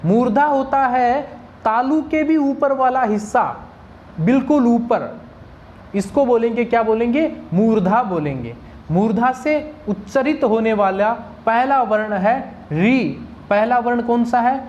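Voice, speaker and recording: A woman's voice: a little high, unhurried, a little mellow, muffled recording, a little hiss or hum. A woman teaching Sanskrit pronunciation, drilling single sounds and answering her own questions to the class. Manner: asks questions and answers them herself; drills sounds one at a time. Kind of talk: pronunciation lesson.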